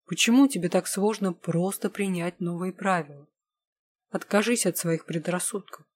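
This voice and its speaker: A woman's voice: lowish voice, moderate pace, natural voice. A woman reading the part of a proud, hot-tempered young vampire empress who snaps demands and then pleads. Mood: angry.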